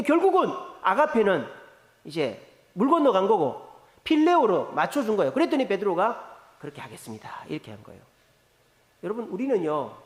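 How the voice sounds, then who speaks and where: Animated man preaching in an echoey church. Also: sits high. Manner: playful storytelling, acting out dialogue. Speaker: pastor. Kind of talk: lively Friday prayer sermon. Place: church sanctuary. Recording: echoey church hall reverb.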